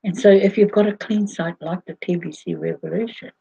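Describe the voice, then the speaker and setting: A woman, talking slowly to her viewers in a rambling way, with many fillers and restarts. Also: fairly low pitch, steady tone, mellow, muffled recording. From New Zealand. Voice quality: husky. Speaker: vlogger. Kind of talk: casual monologue to camera.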